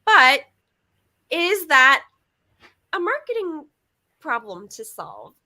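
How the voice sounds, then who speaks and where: Bright, high-voiced upbeat woman host. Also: very animated, takes it slowly. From Texas. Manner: upbeat, chatty, laughs often. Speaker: webinar host. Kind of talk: live webinar hosting.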